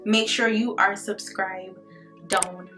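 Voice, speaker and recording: In her twenties, this Jamaican-accented beauty vlogger speaks in a mid-range voice that is steady, slow, bright and forceful, with soft music underneath. She chats upbeat and directly to her audience in a casual skincare video. The audio comes from a camera mic in an indoor room at home rather than a bathroom.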